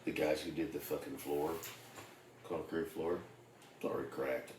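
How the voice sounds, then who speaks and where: A man telling work stories in casual chat, loud and animated, swearing heavily. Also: a bass voice, moderate pace, recorded from a distance. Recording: echoey room with faint noise.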